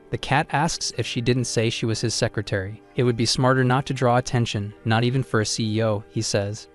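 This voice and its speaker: A man narrating a comic story recap in a steady, even, scripted voice-over. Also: medium pitch. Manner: steady, even storytelling delivery in indirect speech. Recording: voice-over with faint background music.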